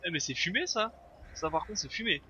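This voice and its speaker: A man's voice: high-pitched, expressive, fairly quick, sharp tone. A man casually commenting on his strategy game as he plays, thinking aloud with frequent hesitations. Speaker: let's play host. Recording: slightly dull lo-fi sound, faint noise.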